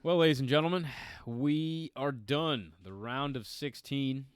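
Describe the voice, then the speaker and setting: A man's voice: medium pitch, measured pace, clean tone, no room sound. Laid-back man, dry close mic. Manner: relaxed, swears freely. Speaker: podcast co-host. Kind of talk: casual chat.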